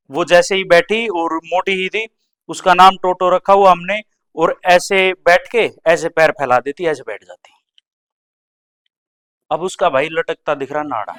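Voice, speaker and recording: A young man on a comedy stage tells school stories, jumping into quick voices for teachers and classmates. His voice sits a little high for a man and comes through smooth and clear on a handheld mic. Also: fairly bright tone. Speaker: stand-up comedian. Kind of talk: stand-up comedy storytelling.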